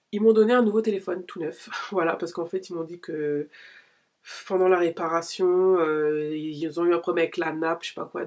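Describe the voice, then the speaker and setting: A woman's voice: on the low side, slightly rough. A woman in her late thirties chatting casually as a beauty vlogger, rambling and slangy while doing her skincare at home. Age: late 30s. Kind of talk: casual vlog chat. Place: home, filmed in natural daylight.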